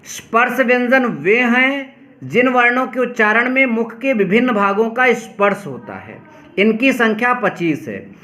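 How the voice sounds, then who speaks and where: A male teacher giving a lesson, repeating each definition slowly and calling on his students to pay attention. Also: extremely high pitch, expressive, pushed and bright. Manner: addresses students directly, often says "pay attention". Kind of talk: classroom lesson explaining grammar.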